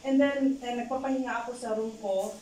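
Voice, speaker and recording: Halting woman telling a story, echoey room. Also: a little high, steady tone, dark tone. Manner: halting, full of fillers and restarts, mixing English in. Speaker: domestic helper telling a personal story. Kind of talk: casual testimony. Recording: echoey room, distant mic, faint noise.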